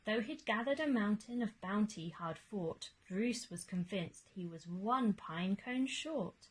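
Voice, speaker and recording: Woman, slow-paced storytime narration, expressive, measured, rhyming verse, mid-pitched, faint background noise. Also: poor audio. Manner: measured, expressive, dramatic emphasis. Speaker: teacher reading a picture book aloud.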